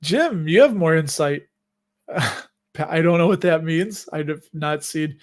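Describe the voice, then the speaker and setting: A middle-aged man with a Chicago accent hosts a casual dividend investing livestream, answering viewer questions in a rambling, chatty way with frequent restarts and laughs at his own asides. His fairly high voice has lively intonation, and he takes it slowly.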